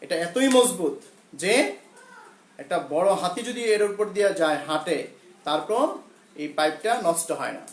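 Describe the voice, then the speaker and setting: A male school teacher with a Bangladeshi Bengali accent giving a science lesson, slowly repeating key terms for students and often pausing with fillers and self-corrections. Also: high-pitched, animated, reverberant, poor audio.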